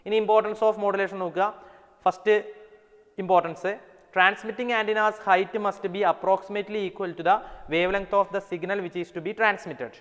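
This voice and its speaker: A man lectures to students in a long echo, his high-pitched voice steady and a bit bright. He explains step by step, reads English definitions out slowly, mixes English terms into his talk, and checks understanding with "alle?".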